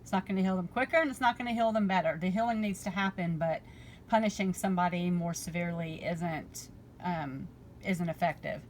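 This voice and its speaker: A woman's voice: on the low side, fairly quick, slight background noise, low-quality recording. Woman casually explaining a bill aloud. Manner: reads aloud, then paraphrases with fillers and restarts. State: losing her voice. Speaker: political commentary vlogger. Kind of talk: casual commentary reading from a bill.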